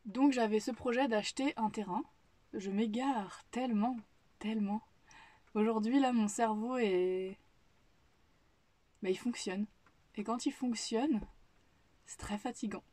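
A young woman from the Paris region talks straight to a close camera in her home kitchen. Her chat is casual and meandering, full of restarts and small pauses as she works out her thoughts. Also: fairly high pitch, steady tone, mellow, no echo. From Paris region, France. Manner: rambling, thinking aloud with many restarts. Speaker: vlogger.

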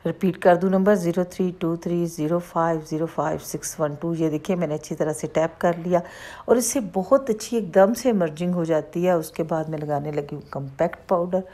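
A woman's voice: fairly low pitch, a little fast, mellow. A woman with a Pakistani Urdu accent, a makeup artist who talks through each step of a bridal look in a chatty tutorial voice-over. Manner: chatty, explains each step as she goes.

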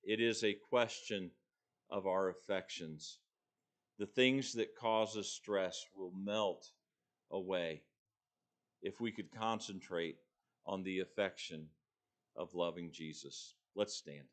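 Male pastor, middle-aged, slow deliberate sermon delivery, lowish voice, church pulpit. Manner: earnest, deliberate, pausing between phrases.

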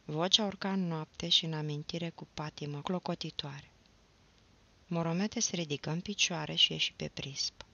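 A woman reading a novel aloud as an audiobook, in a measured storytelling manner. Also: low voice, vocal fry, pushed and bright, muffled recording. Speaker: audiobook reader.

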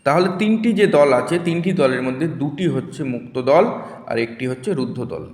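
A man teaching a class, talking patiently and sounding out words slowly, again and again. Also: medium pitch, lively intonation, darkish tone. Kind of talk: classroom lesson. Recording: echoey room with long reverb.

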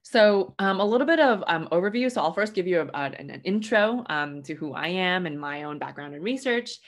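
A woman's voice: lowish voice, expressive, brisk. A young woman from Hong Kong presenting an online webinar lecture, friendly and full of "um" fillers. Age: young adult. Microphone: webcam mic at home, video call.

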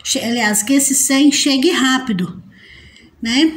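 A woman's voice: high-pitched, takes it slowly. A woman hosting a casual live stream, chatty and affectionate, greeting viewers by name and laughing often. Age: adult mother. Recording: roomy echo.

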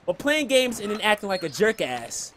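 A man streaming live gameplay, commentating and trash-talking opponents with brash, shouted taunts. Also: high voice, big pitch swings, normal speed. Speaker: game streamer. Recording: noisy stream audio.

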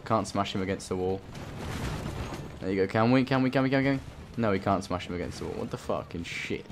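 A man hosting a let's play, rambling and swearing through his gameplay commentary. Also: lowish voice. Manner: swearing, rambling, self-talking. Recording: voice under game noise.

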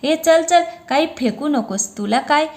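In a read-aloud story, a woman voices a boisterous young man who scolds and jokes with his old friend in loud, friendly banter. Her voice sits high and is pushed up, with lively intonation and a slightly slow pace.

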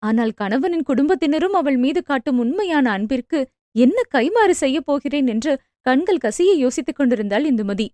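Woman narrator, audio novel reading, high voice, dry close sound. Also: animated, moderate pace, warm tone, no room sound. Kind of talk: scripted storybook narration.

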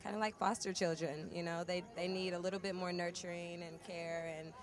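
A woman's voice: fairly low pitch, level tone, brisk, a crowd in the background. A woman guest talking earnestly in an interview about rescuing a dog, with fillers like um and you know. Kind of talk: casual interview answers.

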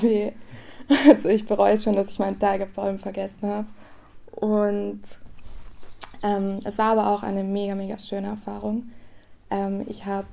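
Young woman from south tyrol, gravelly, kinda flat, chatty and upbeat. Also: mid-range voice. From South Tyrol, Italy. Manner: chatty, upbeat, laughs between phrases. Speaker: retreat participant. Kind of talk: casual spoken introduction.

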